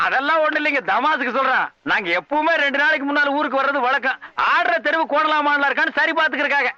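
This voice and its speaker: An actor playing a bossy, short-tempered middle-aged troupe leader in a 1980s film comedy, loud and sarcastic. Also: male voice, very high voice, fast, no room sound, highs cut off, heavily acted. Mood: boastful. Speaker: leader of a folk dance troupe.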